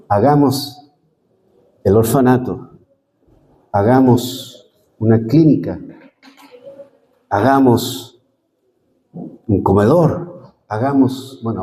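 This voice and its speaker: A middle-aged man preaching a sermon as pastor, animated, with sudden high swoops and chatty asides. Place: church sanctuary. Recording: long hall reverb.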